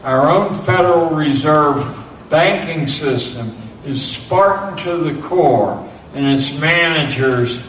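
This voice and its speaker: A man reading a lecture aloud in a measured way, now and then spelling out names letter by letter. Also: mid-range voice, fairly bright tone. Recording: roomy, distant mic with faint background noise.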